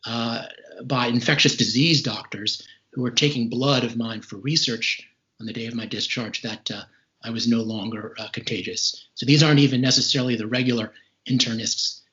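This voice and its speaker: Still recovering from a serious respiratory illness, a man in his forties recounts his personal experience in an interview, pausing haltingly and measuring his words while slightly short of breath. His mid-range voice keeps a fairly even intonation, with a bright, forceful tone, over dull lo-fi call audio.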